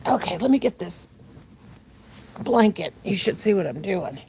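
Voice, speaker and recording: A little slow but with lively intonation, an older American livestream host talks to herself and laughs while crocheting, goofy and relaxed. Her medium-pitched voice has a darkish tone, and a little hiss or hum sits in the audio.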